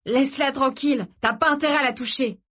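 Woman reading young guy tied up and hurting, tense and angry, a bit raised in pitch. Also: steady tone, normal speed, a bit bright. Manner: tense, pleading then threatening. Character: frightened injured young man, angry and desperate.

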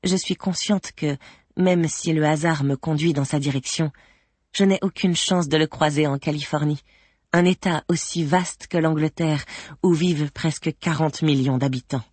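A woman's voice: deep voice, steady tone, normal speed, darkish tone, slightly rough, no room sound. A woman reading a first-person novel aloud in an intimate, introspective and wry manner. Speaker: audiobook narrator.

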